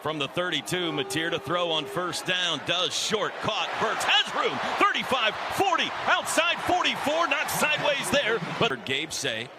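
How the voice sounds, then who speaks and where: An American announcer calls live football play-by-play on the radio in clipped, staccato phrases. His high voice swings widely in pitch, moving at normal speed with few pauses. Loud stadium crowd noise fills the broadcast.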